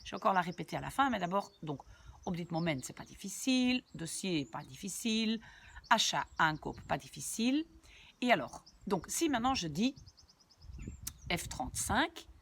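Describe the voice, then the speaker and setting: Woman, language teacher, lower voice, lively pitch, patient word-by-word explaining. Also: normal speed, vocal fry, a little hiss or hum. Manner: patient, repeats and translates word by word; chatty asides to viewers. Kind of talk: language lesson explaining a sentence.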